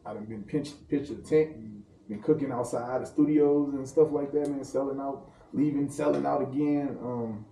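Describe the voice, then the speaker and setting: Dark-voiced man telling stories in a roomy space. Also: mid-range voice, steady tone, normal speed, vocal fry, few pauses, slight background noise. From St. Louis, Missouri. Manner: loose, laughing, slangy storytelling. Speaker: private chef guest. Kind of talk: casual podcast chat. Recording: roomy room, distant mic, faint ambience.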